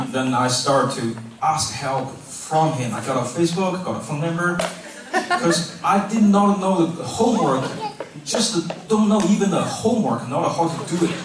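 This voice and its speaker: Chinese-accented young man, very echoey room. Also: a little high. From China. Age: 20s. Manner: non-native, halting English with slips and repeats. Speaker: best man. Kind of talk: informal wedding speech. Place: large echoey room at a wedding reception. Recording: very echoey, distant mic, clearly noisy.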